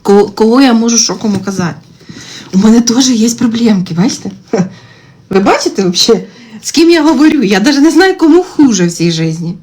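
A woman in her thirties chatting casually on a phone live stream while she draws, ranting and swearing, her pitch jumping up when she gets worked up. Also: animated, a little fast, a little mellow. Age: 30s. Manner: swears constantly, exasperated rants with sudden high-pitched outbursts. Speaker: TikTok livestream host. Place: indoors at home. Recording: faint background noise and clicks.

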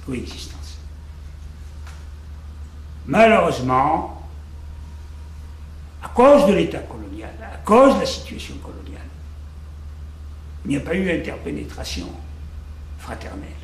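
In a conversational interview, an older man from Algeria reflects aloud, repeating words as he hunts for the right ones. His voice is a little high and very animated, yet measured in pace with long pauses; the room echoes and faint noise sits in the background.

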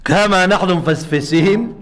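A man, a rabbi, giving a storytelling sermon in a synagogue, acting out dialogue and speaking straight to his listeners. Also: high-pitched. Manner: animated, acts out dialogue, addresses listeners directly. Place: synagogue hall, live-streamed.

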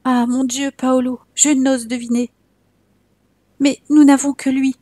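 Woman doing a grieving young mom, tender, slow, warm dark tone. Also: high voice, little pitch movement, no room sound, pitched above the performer's own voice. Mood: anguished. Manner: tender and anguished.

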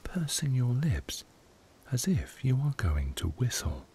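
A man guiding a meditation, speaking softly in a hushed voice that often drops to a whisper. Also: medium pitch, big pitch swings, measured pace, a little hiss or hum. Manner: soft, hushed delivery, often slipping into a whisper. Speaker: meditation guide. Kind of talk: guided meditation narration.

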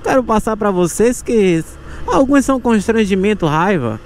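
High-pitched Bahian man vlogging casually. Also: moderate pace. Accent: Bahian Brazilian Portuguese, Salvador. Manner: slangy, animated street talk. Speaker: motorcycle taxi rider and vlogger. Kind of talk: casual vlog chat. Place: outdoors on city streets, mostly riding a motorcycle. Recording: outdoor noise, traffic and vehicle sounds.

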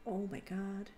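A woman's voice: mid-range voice, warm tone. A woman streamer chatting casually and playfully with her viewers while gaming. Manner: playful, teasing, talks to chat.

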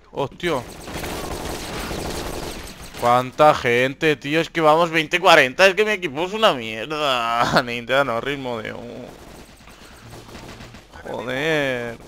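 A young man from Spain with a Spanish accent, hosting live gameplay commentary, swinging from hushed whispers to excited shouts. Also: medium pitch, takes it slowly, pauses often, slight background noise. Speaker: gaming channel host.

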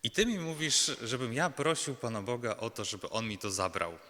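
A male Jesuit preacher delivers a personal sermon with a bright, clear tone. He speaks earnestly, stumbling and restarting, often checking in with the congregation through little rhetorical questions. His voice carries a long reverb from a large church. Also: mid-range voice. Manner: earnest, halting, many fillers and restarts.

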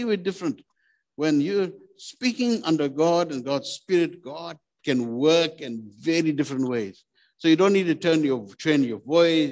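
A man's voice: on the high side, darkish tone. A man preaching a sermon as pastor, plain-spoken and earnest, putting direct questions to the congregation. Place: church.

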